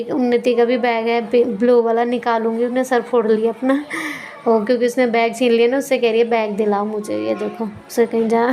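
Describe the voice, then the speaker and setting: A young mother chatting through a home vlog voice-over in a rambling, self-correcting way. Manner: scolding loudly at high pitch in the clip. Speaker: vlogger and mother.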